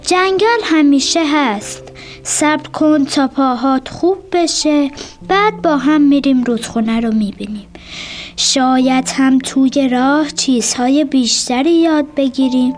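A woman voicing a wise, calm owl in a children's story, talking softly and patiently. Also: very high voice, soft background music, voice pushed up. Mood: gentle. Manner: soft, warm, patient.

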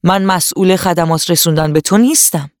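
A strong, stern male tiger in a children's radio story, voiced by the storyteller, who speaks in firm, scolding tones. He lectures with a low growl at times. The recording is dry and close. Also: dry recording, natural voice.

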